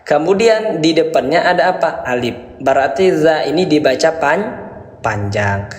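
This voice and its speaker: A man teaches beginners in a slow, patient lesson, asking questions and answering them himself. His voice sits a bit high for a man. The room is echoey, with a long trailing reverb. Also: animated. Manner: repeats and quizzes with questions, then answers himself; addresses parents as Ayah Bunda. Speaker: Quran reading teacher.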